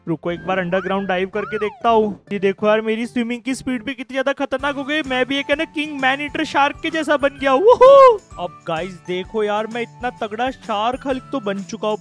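Gaming host, male, very high voice, hyped play-by-play, faint music under it. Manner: excitable, addressing viewers constantly. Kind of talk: excited gaming commentary.

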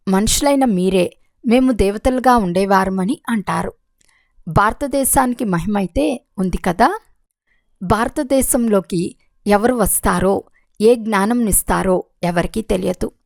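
Woman, reading a religious discourse, measured delivery, slight vocal fry, mid pitch. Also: no echo. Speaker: reader of a spiritual discourse. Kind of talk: read-aloud religious discourse.

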